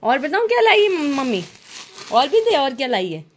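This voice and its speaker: A woman's voice: high-pitched, sing-song, moderate pace, a little hiss or hum. A young woman, a mother, playfully coaxing and teasing her toddler at home in baby talk, laughing often. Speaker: mother and family vlogger.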